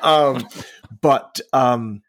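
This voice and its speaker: A man's voice: mid-range voice, very slow. A man co-hosting a casual chat, rambling with lots of fillers and restarts. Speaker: podcast co-host.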